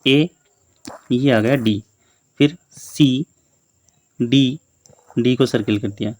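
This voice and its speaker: A male teacher giving a slow, patient lesson on letters to young children, repeating each letter and word many times. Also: medium pitch, darkish tone, no room sound.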